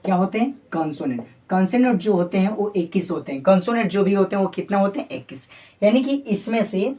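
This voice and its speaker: A man's voice: high voice, dark tone. A male English teacher giving a Hindi-language lesson, drilling letters by repeating them and prompting the class with rhetorical questions.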